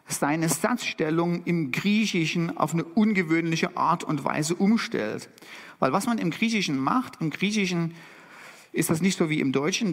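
A middle-aged man preaching a sermon, lively and animated, with dramatic emphasis on key phrases. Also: fairly high pitch. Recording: long hall reverb.

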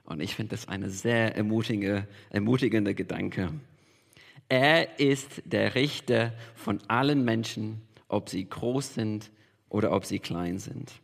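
A man's voice: fairly low pitch, measured pace, vocal fry. A man preaching a sermon as pastor, emphatic and repeating key phrases for weight. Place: church hall. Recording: long reverb of a large hall.

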